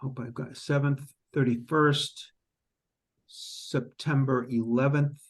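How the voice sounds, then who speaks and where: Slow-spoken retired man. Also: medium pitch, steady tone. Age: older. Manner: slow, unsure, deliberate. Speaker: committee member.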